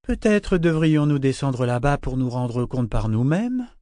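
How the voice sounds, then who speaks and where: A man reading an audiobook, voicing a bold, pompous governor who speaks slowly and self-assuredly. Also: mid-range voice, big pitch swings, dark tone, no echo, clean studio sound.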